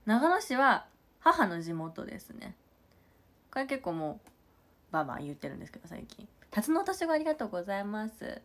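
A woman's voice: medium pitch, big pitch swings, a little fast. Chatty young woman hosting a livestream. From Nagano, Japan. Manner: chatty, thanks viewers for comments between stories. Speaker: idol livestream host. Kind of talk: casual livestream chat.

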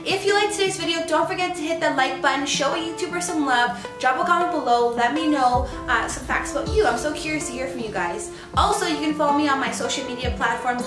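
Indoors in what seems to be a living room or home office, a chatty beauty vlogger from Canada, in her twenties, talks casually to camera in quick, upbeat bursts. Her voice is a bit high, and because she's distant from the mic in an echoey space, the sound comes across roomy and slightly far away.

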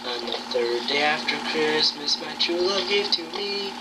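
A woman with a lowish voice sings a silly parody carol slowly and giggles through it. The sound comes from an old home VHS tape, buried under heavy tape hiss. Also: lively intonation. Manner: giggly, drawn-out singing. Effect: old home VHS tape recording.

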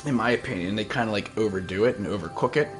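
A man's voice: on the low side, fast talker. A man in his thirties giving casual, slangy, rambling gameplay commentary as a streamer. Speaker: game streamer. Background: game music.

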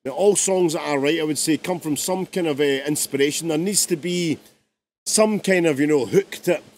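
A man's voice: on the high side, normal speed. A man, a music producer, talks casually through his song in a live-streamed production tutorial, chatty and rambling.

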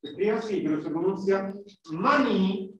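A man's voice: high voice, moderate pace, a bit bright. A man teaching an English class, patiently explaining and modelling pronunciation for his pupils. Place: school classroom. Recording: echoey classroom, far from mic, dull.

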